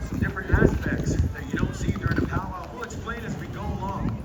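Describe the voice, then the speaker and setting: A man's voice: high voice, fairly quick. A man announcing live as a powwow emcee, explaining things in a ceremonial way over a PA. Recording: roomy, distant PA with loud noise.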